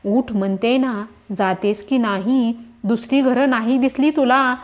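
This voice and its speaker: An arrogant rich queen, harsh and dismissive, as a woman narrator puts her on. She speaks slowly in a fairly high voice, each order curt and scornful. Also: fairly even intonation, lightly acted. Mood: contemptuous.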